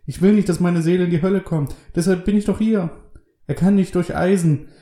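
A man voicing a desperate, lonely farmer who stammers and pleads in a shrill voice, in a storybook reading. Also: fairly even intonation, fast talker, mellow, reverberant, lightly acted. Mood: fearful.

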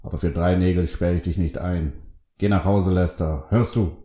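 A man doing a weary, calm sheriff. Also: deep voice, moderate pace, roomy sound, close to an everyday voice. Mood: stern. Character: calm, weary male Wild West sheriff.

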